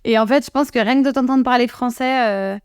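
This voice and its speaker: A woman's voice: a little high, fairly quick, clear, resonant tone, no room sound, clean studio sound. A young woman from France, a podcast guest talking casually and chattily about living abroad. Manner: chatty, slips into playful English put-on voices.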